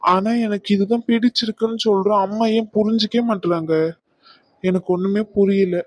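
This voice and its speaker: A woman's voice: mid-range voice, fairly even intonation, normal speed, no echo, close to an everyday voice. A woman voicing a troubled young man in a cartoon, anxious and apologetic. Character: troubled young man torn between mother and love. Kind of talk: cartoon voice acting.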